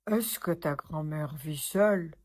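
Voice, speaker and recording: A woman voicing a sly, menacing male wolf with a deep, gruff voice, drawn out slowly and loudly, from a children's storybook. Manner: slow, loud, looming delivery.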